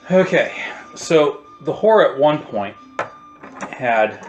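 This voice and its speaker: A man's voice: medium pitch, lively intonation, slow, dull audio, soft background music. A man acting as game master, casually describing scenes for his players. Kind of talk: running a tabletop game.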